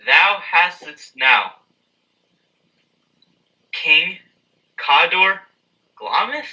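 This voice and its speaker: A suspicious comrade in a comic amateur Shakespeare play, acted by a man. The voice is high and very sharp, slow in delivery, heard from off at a distance on stage. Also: animated, dull audio, heavily acted. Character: suspicious Banquo, Macbeth's comrade turned silly ghost.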